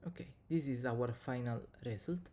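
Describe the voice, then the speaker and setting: A man who is not a native English speaker teaches physics step by step, dictating equations in short, halting pieces. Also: medium pitch, mellow, slight background noise. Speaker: physics tutor, video presenter. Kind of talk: step-by-step maths lesson, reading out equations.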